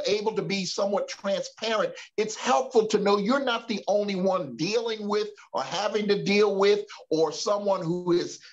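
High-voiced man teaching Bible study. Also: highs cut off. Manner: preacherly, repeats words and restarts, calls for response. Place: church.

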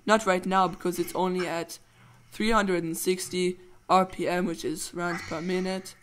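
A man's voice: high voice, flat delivery, moderate pace, a bit bright, a little hiss or hum. Rambling teen boy narrating gameplay. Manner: rambling, playful, goofy jokes. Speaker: let's play host. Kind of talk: casual gameplay commentary.

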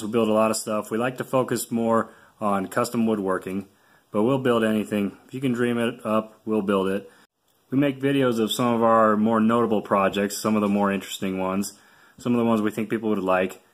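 A man's voice: fairly low pitch, steady tone, a little fast. A young man, a contractor, casually explaining step by step how he built a project, filmed on a phone at arm's length in a living room. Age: young adult. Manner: plain, practical, step-by-step talk. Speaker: contractor showing a woodworking project. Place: living room at home, indoors. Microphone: phone camera at arm's length.

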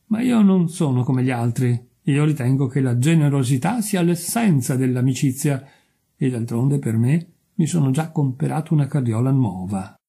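A man's voice: mid-range voice, animated, moderate pace, creaky, warm tone, slightly rough. A man voicing a selfish miller who talks in a pompous, self-righteous way. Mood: smug.

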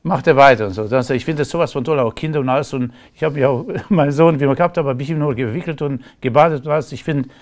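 Slightly high and a little mellow, this middle-aged Romanian man's voice moves fast with few pauses, carrying a Romanian accent. As a casual interview guest, he speaks in long emphatic runs and laughs between remarks.

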